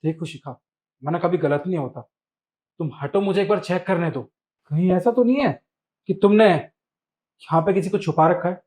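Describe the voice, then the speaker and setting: A man's voice: high voice, moderate pace, long pauses, darkish tone, lightly acted. An actor playing a husband who accuses his wife of hiding a lover, in melodramatic short-film style. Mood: suspicious. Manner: accusing, indignant. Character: husband Nikhil, confronting a cheating wife.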